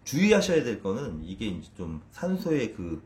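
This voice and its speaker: Male fitness trainer, 30s, animated swinging delivery, casual and self-deprecating, frequent restarts. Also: lowish voice, normal speed. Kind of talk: casual explainer video.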